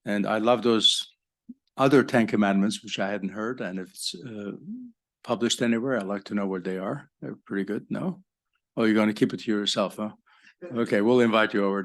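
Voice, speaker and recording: An older man born in Egypt, a professor giving a live conference talk in a conversational way with joking asides to the audience. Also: fairly low pitch. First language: French.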